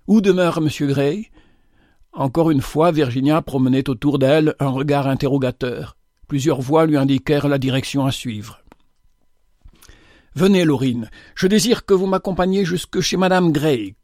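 A man reading an audiobook as narrator in a measured way, with rare hesitations. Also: mid-range voice, darkish tone, dry recording, clean studio sound.

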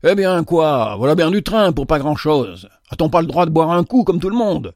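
A man's voice: on the high side, very animated, normal speed, darkish tone, no echo, clean studio sound. A man voicing an insolent young male office clerk talking back with cheeky defiance. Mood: defiant.

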